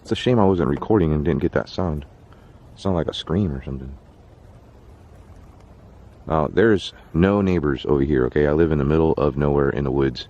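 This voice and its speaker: Low-voiced man vlogging at night. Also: a little fast, long pauses, mellow, dull audio. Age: 30s. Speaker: host. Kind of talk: casual night vlog narration. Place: outdoors in woods at night. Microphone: handheld camera. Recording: faint outdoor background noise.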